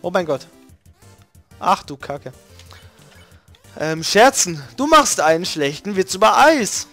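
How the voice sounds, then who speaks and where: A man hosting a let's play, reading game text aloud and making relaxed, swearing asides. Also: high-pitched, slow pace. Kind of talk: casual gaming commentary reading game text. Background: faint video game music.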